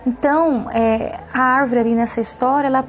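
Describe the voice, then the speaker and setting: A woman reading a children's story aloud in calm, measured narration, then commenting on it. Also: high-pitched, slight background noise.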